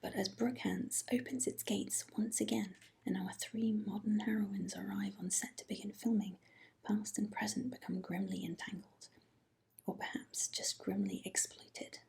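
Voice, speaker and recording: A woman speaking in a hushed, breathy library whisper, softly chatting and reading aloud as an ASMR host. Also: mid-range voice, steady tone, normal speed. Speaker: host of an ASMR book haul video.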